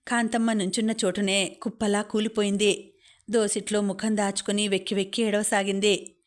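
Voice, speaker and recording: A woman audiobook narrator reading a novel in a steady, even storytelling manner. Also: mid-range voice, normal speed.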